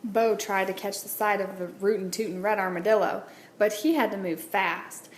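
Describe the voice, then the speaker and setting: This teacher reads a children's storybook aloud at normal speed, her medium-pitched voice fairly even in intonation. She's indoors at a wooden table with the book on camera, and the audio is echoey with clear background noise.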